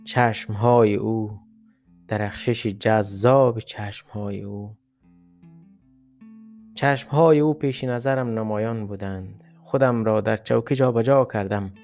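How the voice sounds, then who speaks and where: Male reader, gravelly, reflective story narration over faint guitar. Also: on the low side, fairly even intonation, a little mellow. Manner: measured, reflective first-person narration. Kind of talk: literary short story reading. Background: faint guitar music.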